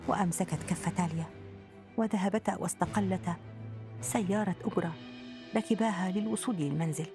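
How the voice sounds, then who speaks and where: A woman with a lower-sitting voice reads the narration of a radio drama in measured formal Arabic, with clear background music playing behind her.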